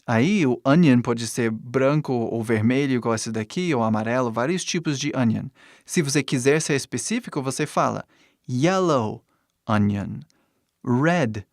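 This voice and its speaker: Slow, patient male language teacher. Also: mid-range voice, no room sound, clean studio sound. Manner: patient, repeats words slowly and adds little checks of understanding. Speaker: English teacher. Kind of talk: vocabulary lesson explaining words and pronunciation.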